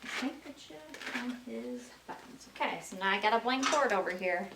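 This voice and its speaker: Through a roomy, faintly noisy recording from a distant mic, a woman storyteller reads to young children in a sing-song voice and prompts them with questions. She sounds fairly high-pitched, creaky, and animated, at a moderate pace.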